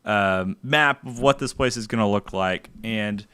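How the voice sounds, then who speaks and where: A man's voice: fairly low pitch, measured pace, sharp tone, clear, resonant tone, no echo, studio quality. A man hosting a podcast who sums up the conversation for listeners, enthusiastic and reflective. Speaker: podcast host. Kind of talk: casual podcast interview.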